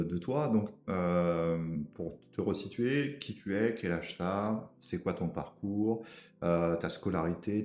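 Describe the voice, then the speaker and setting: Low, mellow-voiced podcast host. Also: male voice. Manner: informal, piles up several questions at once. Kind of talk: casual interview chat. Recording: roomy echo.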